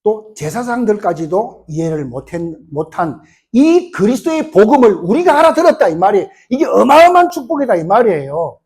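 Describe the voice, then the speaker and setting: A male pastor preaching a sermon in an animated way, firing rhetorical questions at the congregation. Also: sits high, a little fast, slightly rough.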